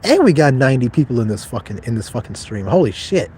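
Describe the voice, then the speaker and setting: A man's voice: mid-range voice, very animated, quick pace, mellow, slight background noise. A man in his twenties livestreaming, reading chat questions aloud and answering them in a blunt, profane, detached way. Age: 20s.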